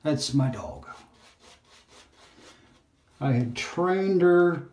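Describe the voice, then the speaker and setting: Extremely slow and animated, a slightly high, darkish male voice narrates his shave in a rambling, self-deprecating style, at times whispering. The audio is muffled, captured by a phone or camera on a holder in a roomy home recording.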